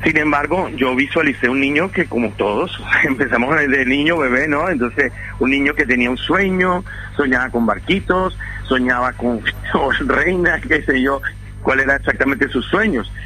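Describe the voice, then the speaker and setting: A middle-aged Venezuelan man, an event organizer, tells his story at length in a radio interview. His mid-range voice moves at normal speed in rambling, animated storytelling full of restarts, and the audio is poor.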